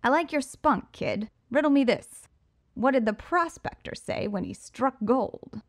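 A woman's voice: sits high, expressive, measured pace, pitched above the performer's own voice. A woman voicing a cocky, flamboyant male villain in an audiobook, speaking in a boastful, theatrical way. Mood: gleeful. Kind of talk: audiobook character voice.

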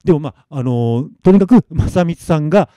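A male storyteller tells a ghost story live, hushed and dramatic, acting out each character in turn. His pitch swings widely, his tone is mellow, and the sound is close and dry. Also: animated, fairly quick, no echo. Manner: hushed, dramatic, acts out every voice.

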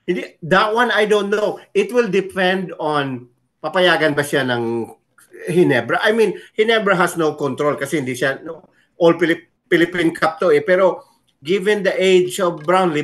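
A man's voice: on the high side, moderate pace, a bit bright. A man co-hosting a casual sports talk show, easygoing, switching often into English.

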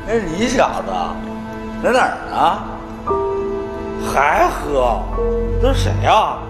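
A man's voice: sits high, very animated, slow, exaggerated voice. An actor playing a casual man drinking and taking a call in a TV drama. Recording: echoey hall with loud music.

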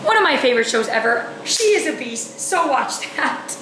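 A bubbly woman, chatting straight into her phone camera for a casual vlog. Her voice sits high, and the echoey room sound rings around her words. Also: very animated, moderate pace, noisy background. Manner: bubbly, chatty, full of "like" and "you guys". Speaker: vlogger.

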